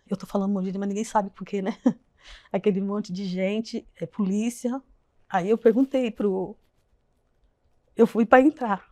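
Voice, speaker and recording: A woman, a guest telling a personal story of loss in a halting way, retelling the dialogue and repeating herself. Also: mid-range voice, a little mellow, no echo, clean studio sound. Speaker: interview guest. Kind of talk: emotional personal account.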